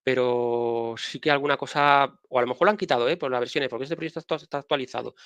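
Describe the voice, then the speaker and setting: Casual Spanish-accented man explaining software. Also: medium pitch, fast, no echo. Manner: casual, explains while sharing screen, frequent restarts. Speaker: guest speaker. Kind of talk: technical live-stream talk.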